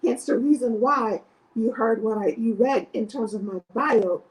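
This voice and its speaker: Middle-aged lady from south florida, husky voice, a bit high, earnest educator guest talking with lots of "right?". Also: a little slow, poor audio. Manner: earnest, emphatic, with rhetorical "right?" tags. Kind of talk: podcast interview.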